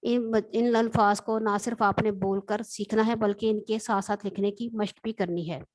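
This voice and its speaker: Woman teacher, patient, explains slowly, classroom lesson. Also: mid-range voice, steady tone, darkish tone.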